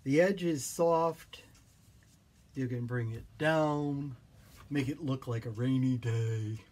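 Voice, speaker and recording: A clown giving an informal, playful and theatrical demonstration in a silly, whimsical, rambling way, with a husky voice and repeated phrases. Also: medium pitch, slow pace, darkish tone. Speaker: clown teaching wig and costume styling.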